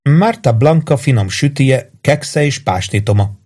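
A man's voice: medium pitch, expressive, darkish tone, husky, voice pushed up. A man reading an audiobook, voicing a dry, wisecracking woman who mutters wry asides.

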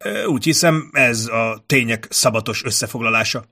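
A man's voice: mid-range voice, animated, vocal fry, pushed and bright, full character voice. A man voicing a nervous, courtly male ambassador who stammers and fills his talk with hesitations. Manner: stammering, filler-laden, trembling.

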